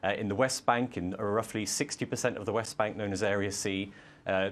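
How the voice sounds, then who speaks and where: A male author arguing his case as a debate guest, measured, with frequent hesitations. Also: on the low side, steady tone, a bit bright. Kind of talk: studio debate.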